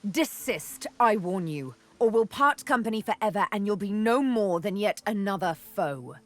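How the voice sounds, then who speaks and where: A woman's voice: medium pitch, expressive, moderate pace, lightly acted. A woman playing a proud, menacing adventurer with cutting wit in a video game, formal and clipped. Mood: cold, exasperated.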